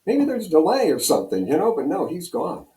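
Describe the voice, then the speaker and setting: This time the older Pennsylvania man sounds a little high, with huge pitch swings, a fairly quick pace, and a dark tone. A radio program director and on-air personality, he rambles through casual anecdotes as an interview guest, in a roomy, echoing room.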